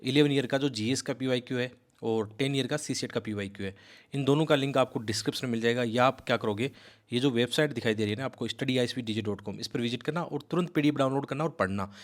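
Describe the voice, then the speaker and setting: A man giving a rapid, emphatic exam-prep lecture, coaxing his students and mixing in English words. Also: mid-range voice. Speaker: civil service exam coaching teacher. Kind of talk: fast explanatory lecture.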